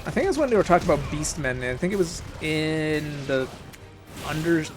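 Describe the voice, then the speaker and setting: Woman, game streamer, casual commentary, lively swinging intonation, medium-low pitch, playful, chatty. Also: brisk, music in the background. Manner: playful, chatty, thinking aloud.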